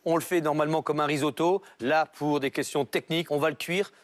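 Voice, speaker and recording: With music playing behind him, a man with a fairly high, steady voice demonstrates a recipe fairly quickly. He instructs step by step as a chef, dropping in short tags to check he's being understood.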